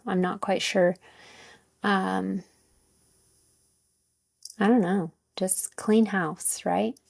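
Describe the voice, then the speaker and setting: A woman giving a casual guided self-help talk as a coach, informal and tentative as she searches for words, with a creaky voice. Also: lowish voice, darkish tone, no room sound. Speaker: wellness coach and host.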